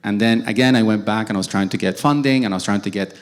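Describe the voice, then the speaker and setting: A man's voice: fairly low pitch, quick pace. A young man from Sudan, a cartoonist speaking as a guest on a forum panel, hesitant with many restarts. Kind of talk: panel discussion answer.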